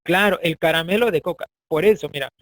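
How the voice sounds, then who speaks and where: A man's voice: fairly high pitch, fast talker, a bit bright, no echo, rough recording. A middle-aged man with a Peruvian Spanish accent, lecturing a class in a chatty way and often checking that his students follow. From Peru, Andean highlands. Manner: chatty, asks students for agreement. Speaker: teacher.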